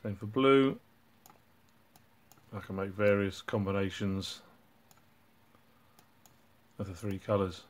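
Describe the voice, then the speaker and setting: A man hosting his own hobby channel, casually walking through a project and explaining it in a relaxed way with frequent ums and uhs. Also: on the low side, slow pace, pauses often. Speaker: robotics hobbyist channel host.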